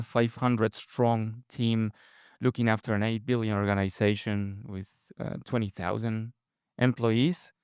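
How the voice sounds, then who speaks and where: A man's voice: mid-range voice, clean tone, no room sound, studio quality. A man moderating a conference panel, introducing guests with many fillers and restarts. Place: conference stage.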